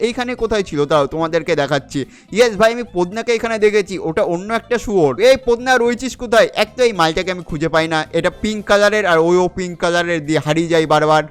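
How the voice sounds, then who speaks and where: A young male gaming host talks quickly in a high, smooth, clear voice. He gives chatty commentary on his survival game and keeps addressing the viewer as a friend. He slips English words in and out of his sentences as he plays. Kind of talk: casual gameplay commentary.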